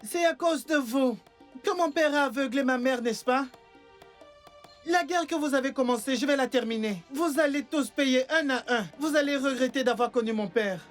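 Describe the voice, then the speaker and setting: A vengeful angry son. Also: male voice, very high voice, normal speed. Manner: threatening, vengeful. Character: angry young son swearing revenge. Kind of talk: film drama dubbed in French. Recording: film soundtrack with faint music.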